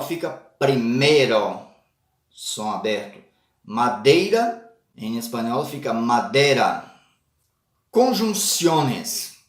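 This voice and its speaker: A man teaching a Portuguese lesson, speaking deliberately, repeating example words and adding short tag questions. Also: medium pitch, roomy sound. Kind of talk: slow spoken language lesson.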